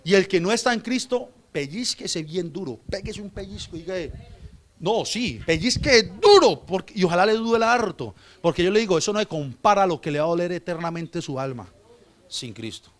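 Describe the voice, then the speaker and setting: A man preaches to his church in a voice high for a man. He drops to soft, hushed asides, then climbs into loud, fervent stretches. He keeps turning to the congregation with direct questions. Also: animated, brisk. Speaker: pastor. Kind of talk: sermon.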